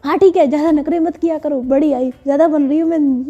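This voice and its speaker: A woman's voice: sits high, steady tone, a little fast, warm tone, dull audio, faint music behind, lightly acted. A woman voicing a young woman in love who keeps pleading and whining for affection, read in a storytelling voice. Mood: sulky. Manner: wheedling, whiny, then sulky. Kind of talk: storytelling in character voice.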